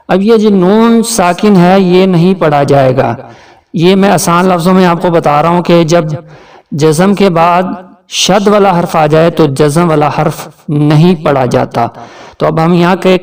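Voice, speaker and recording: A man with a Pakistani Urdu accent teaching tajweed. He explains rules and then recites words slowly and drawn out. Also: high voice, a little mellow, distant mic. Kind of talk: tajweed lesson with slow recitation.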